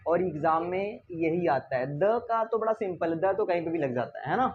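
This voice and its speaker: A male teacher with a high-pitched, husky voice and lively intonation gives a grammar lesson at normal speed. He keeps asking rhetorical questions and repeating the key words, playfully chiding as he goes. The recording is dull and lo-fi.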